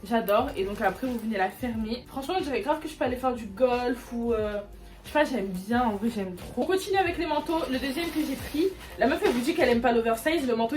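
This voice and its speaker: A woman's voice: fairly high pitch, darkish tone. Chatty young woman, slightly distant. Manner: chatty, enthusiastic, lots of fillers. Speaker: fashion vlogger. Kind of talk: casual try-on haul vlog. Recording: music bed under voice, slightly distant mic.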